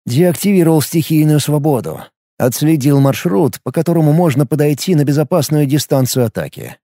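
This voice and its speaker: Man, audiobook narrator, dark warm voice, dry close recording, steady storytelling. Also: on the high side, brisk, dry recording. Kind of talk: first-person scripted narration.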